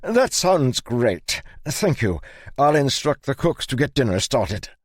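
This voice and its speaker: A man voicing a flustered, fawning middle-aged merchant who talks high, excited and stammering. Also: takes it slowly, no room sound, clean studio sound. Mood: relieved.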